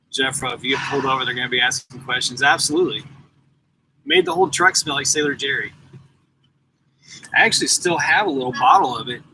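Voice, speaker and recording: A forty-something man talks to his live viewers in a loose, rambling way, his voice bright and forceful. He sits in a parked truck, recorded on a laptop mic with a faint hum of ambience behind him. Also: medium pitch, poor audio. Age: 40s. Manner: rambling, chatty, addresses viewers directly. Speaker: truck driver and YouTuber. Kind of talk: casual live-stream chat.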